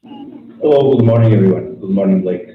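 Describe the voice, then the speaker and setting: A man, a guest market analyst, speaking in short, halting replies with a hollow, echoing tunnel-like sound from a computer's built-in mic. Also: deep voice, a little hiss or hum. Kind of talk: casual live-stream chat. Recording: tinny, echoey computer mic in a room.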